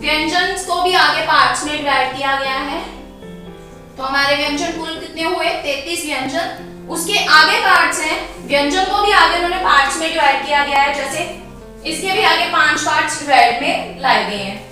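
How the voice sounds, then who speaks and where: A woman's voice: high voice, moderate pace, sharp tone, faint music behind. A woman teacher, giving a patient classroom lesson and checking in often. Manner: patient, repeats and checks with "theek hai". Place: school classroom. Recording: echoey room from a distance.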